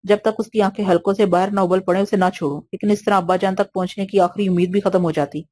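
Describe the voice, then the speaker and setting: A woman narrating an audio novel in a steady, even storytelling manner. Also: mid-range voice. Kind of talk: scripted narration.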